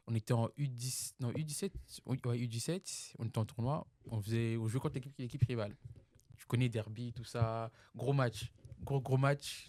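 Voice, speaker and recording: A man's voice: medium pitch, mellow, no room sound, studio quality. A man from Congo, a podcast guest in casual chat, telling personal stories in a reflective way with many restarts.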